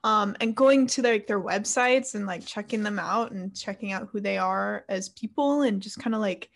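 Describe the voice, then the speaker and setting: A woman's voice: mid-range voice, normal speed, gravelly. A young woman co-hosting a casual chat show, talking freely with frequent laughs and fillers. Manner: chatty, laughs often, uses "like" a lot. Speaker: podcast co-host.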